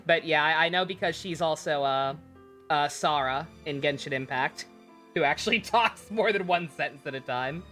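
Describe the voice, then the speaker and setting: A woman's voice: sits low, moderate pace, fairly bright tone, soft background music. A woman giving casual, sardonic, joking commentary while streaming a video game.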